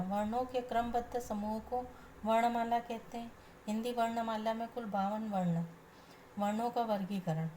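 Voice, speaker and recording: Mellow-voiced woman reading a grammar lesson. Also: fairly high pitch, a little hiss or hum. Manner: measured, reciting letters one by one. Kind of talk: read-aloud grammar lesson.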